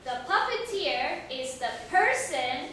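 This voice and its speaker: Her voice sits high, bright and forceful, very animated and slow-paced, as a woman leads an English lesson for young children. She uses simple instructions, repeats words, asks easy questions and encourages answers with praise. The recording is from a very echoey classroom with a distant mic and faint noise.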